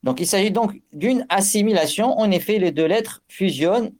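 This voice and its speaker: A man's voice: high voice, a little mellow. Man teaching Arabic recitation rules. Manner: explains slowly, with many fillers and restarts; chants Arabic examples. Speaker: religious teacher. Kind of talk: tajwid lesson.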